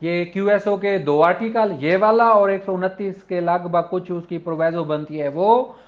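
A man with a high voice and a Pakistani accent gives an informal law lecture. He moves between explaining points and slowly reading out legal English, and the audio is dull and lo-fi.

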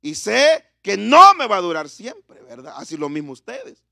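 A man's voice: high-pitched, huge pitch swings, moderate pace, vocal fry, pushed and bright, no room sound, clean studio sound. A middle-aged man preaching a sermon in church, talking conversationally and firing questions at the congregation.

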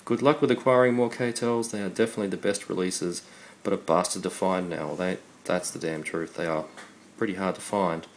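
A man's voice: low-pitched, brisk, few pauses. An Australian man hosting a casual unboxing, his voice congested from a cold, speaking in an understated, appreciative way. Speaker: video host. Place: indoors at a computer desk. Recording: steady background noise.

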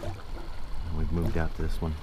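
Deep-voiced middle-aged guy on a kayak, talking to his hat cam, wind and water noise all over it. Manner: relaxed, talks to himself, quick excited exclamations at bites. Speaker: kayak fishing vlogger. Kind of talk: casual narration while fishing. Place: kayak on open water outdoors. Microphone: hat-mounted action camera.

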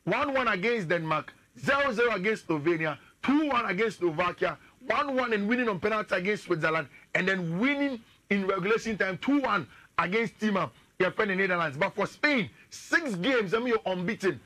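Standing and pointing at a screen, a Ghanaian English-accented man in his thirties delivers lively football analysis on radio. His voice sits high and moves a little fast.

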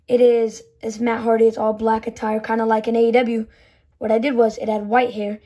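A woman who hosts a toy collector channel counts down her toy figure collection in a casual video, loose and chatty, with lots of "um" and "so yeah." Her voice is on the high side and hoarse from yelling, and she's filmed on a phone in a small indoor room.

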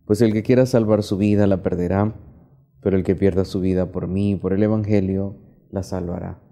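A man in his thirties, a priest, reading the gospel and preaching a homily in a measured, teaching way with repeated questions to the congregation. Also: low-pitched, steady tone, warm tone. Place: small indoor chapel.

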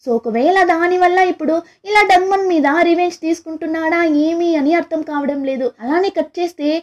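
A woman's voice: very high-pitched, brisk, a little mellow. A woman retelling a drama's plot in a chatty, casual narration, mixing in English words. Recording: dull lo-fi recording.

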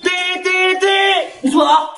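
A man voicing an excitable, theatrical classroom figure in a comedy cartoon parody. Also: extremely high pitch, unhurried, creaky, heavily acted. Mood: scolding. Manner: exclamatory, theatrical. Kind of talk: comedy skit dubbing. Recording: echoey, distant from microphone.

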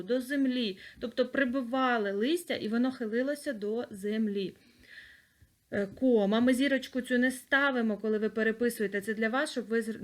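Patient woman teacher dictating slowly. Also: fairly high pitch. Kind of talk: online language lesson. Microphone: computer mic, screen recording.

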